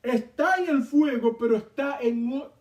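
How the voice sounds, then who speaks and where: A man leading a Bible study, reading scripture aloud and explaining it in an animated way to a responding group. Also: very high-pitched, moderate pace. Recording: echoey room, mic far off.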